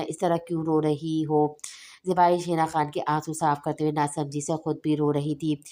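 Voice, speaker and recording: A woman narrating an audio novel in a steady, even reading voice. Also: deep voice.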